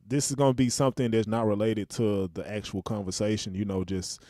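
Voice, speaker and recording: A man's voice: on the low side, steady tone, brisk, mellow, no echo, studio quality. A man hosting a livestream call-in panel, bantering casually with slang and chuckles. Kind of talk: casual chat.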